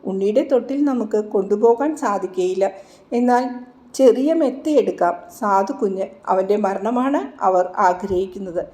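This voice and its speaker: A woman voicing a gentle carpenter husband who reassures his wife in a read-aloud devotional story. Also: mid-range voice, lightly acted. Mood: urgent. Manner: steady, consoling.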